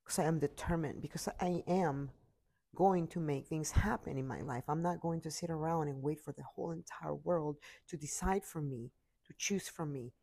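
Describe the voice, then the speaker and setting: A woman's voice: deep voice, moderate pace, gravelly, warm tone. A tired woman giving an earnest, repetitive motivational talk into her computer mic.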